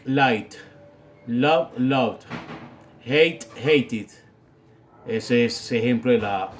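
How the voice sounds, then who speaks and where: A man giving a grammar lesson as a teacher, explaining step by step and often checking with a quick question. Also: mid-range voice, slight background noise. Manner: slow, patient, checks with "¿sí?". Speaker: English teacher.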